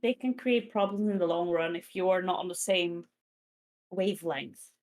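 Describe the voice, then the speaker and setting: A woman's voice: lowish voice, moderate pace, a little mellow. A woman co-hosting a casual live stream chat, speaking at an easy pace and sometimes searching for words. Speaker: stream co-host.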